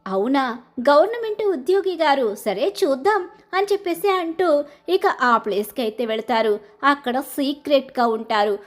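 High-voiced woman narrating a drama recap. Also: normal speed. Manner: lively, dramatic retelling.

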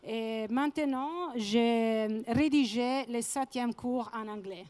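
A woman presents on stage in French as a second language, with a clear foreign accent. Her voice sits fairly high and moves slowly, with searching pauses and repeated words. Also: a little mellow. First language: not French. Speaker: conference presenter. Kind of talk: public presentation. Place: trade-show conference stage, indoors. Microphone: handheld microphone.

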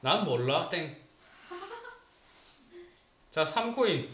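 Male teacher with a Gyeongsang accent, somewhat high voice, joking and quizzing his students in an echoey room. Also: big pitch swings, drawn-out words, a bit bright, slight background noise. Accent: Gyeongsang Korean. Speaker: English teacher. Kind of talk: classroom grammar lesson. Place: small classroom. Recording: roomy classroom echo.

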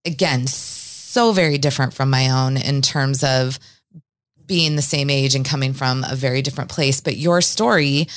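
Low-voiced woman podcast host. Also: fairly bright tone. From Eastern Washington, US. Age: 40s. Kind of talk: interview. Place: studio.

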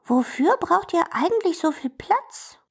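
Woman putting on a tiny curious girl voice, super high, storybook. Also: sing-song, a little slow, gravelly, exaggerated voice. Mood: childlike. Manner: small, high, childlike.

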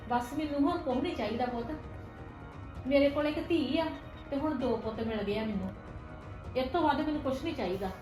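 A woman playing a patient stepmother who softly coaxes and pleads with her stepson in a homemade family drama. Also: high-pitched, lightly acted. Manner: soft, coaxing, affectionate pleading. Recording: roomy room with faint music.

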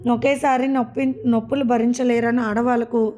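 A woman's voice: fairly high pitch, level tone, moderate pace, a little mellow, natural voice. A woman reading a storybook voices a wise, comforting older mother-in-law explaining life to a young woman.

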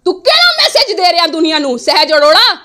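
Angry high-voiced woman. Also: big pitch swings, fast talker, sharp tone. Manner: angry, defiant, repeats herself. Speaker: interviewee. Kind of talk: heated interview.

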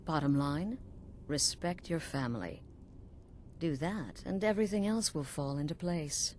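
Matter-of-fact and resolute, a woman voices a middle-aged assassin leader for a video game in a low-pitched, darkish tone. Her coolly sinister, sly delivery is measured and knowing, with dramatic pauses, and a little hiss or hum is audible.

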